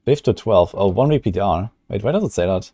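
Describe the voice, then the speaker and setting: Young male streamer, low mellow voice, loose rambling chatter, dry close sound. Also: animated, fast, no echo. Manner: rambling, filler-heavy. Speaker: gaming streamer. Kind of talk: casual livestream commentary.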